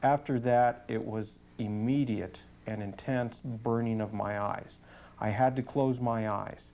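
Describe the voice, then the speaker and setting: Giving testimony, a police sergeant replies to interview questions in a plain, matter-of-fact way. His medium-pitched voice is a little mellow and keeps a steady tone, and he speaks earnestly and deliberately.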